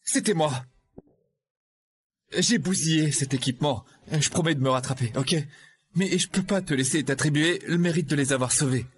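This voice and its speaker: A scheming young liar, played by a man in a dubbed drama. He speaks in a slightly high voice, hesitant and wheedling, with false humility. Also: normal speed, natural voice. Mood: smug.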